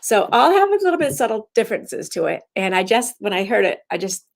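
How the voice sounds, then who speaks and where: A woman's voice: medium pitch, sing-song, quick pace, vocal fry. A woman instructor giving her daily message as rambling casual talk, often restarting her sentences. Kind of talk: casual self-recorded talk.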